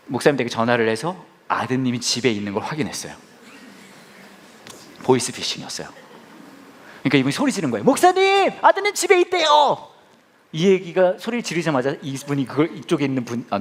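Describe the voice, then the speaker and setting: Guy pastor giving a sermon, lively up and down voice, storytelling vibe. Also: medium pitch. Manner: storytelling, animated, conversational.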